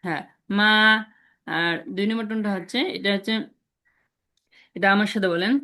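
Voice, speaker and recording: A patient man leads an online language lesson over a video call. He repeats each sound slowly and clearly so his students can copy him, with a steady, encouraging pace. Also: sits high. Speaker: language teacher.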